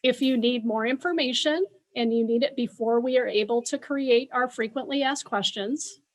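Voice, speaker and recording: An American woman serving as a school official hosts an informational webinar, speaking in a measured way and pausing for an interpreter. Her voice is a little high.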